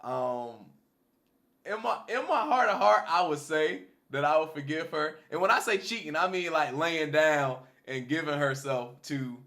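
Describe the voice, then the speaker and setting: An American man hosting a podcast in casual, slangy talk. His voice sits a little high and has a bright, forward edge over a slight smoker's rasp. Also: expressive, unhurried. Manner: informal, slangy. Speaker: podcast host. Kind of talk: casual chat.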